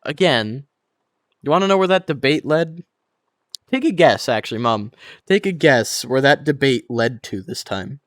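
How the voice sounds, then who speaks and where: A man's voice: mid-range voice, expressive, normal speed, fairly bright tone, no echo, clean studio sound. A young man streaming, telling a crude story to his chat with lots of laughter and swearing.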